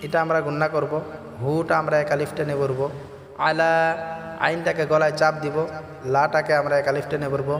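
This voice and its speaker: High-voiced guy teaching quran recitation, drawn-out chanting, reverb-heavy room. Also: level tone, a bit bright, slight background noise. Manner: chants verses slowly, then explains pronunciation rules briskly. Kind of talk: tajweed lesson, slow chanted recitation alternating with quick spoken explanation. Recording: echoey reverberant room with faint background music.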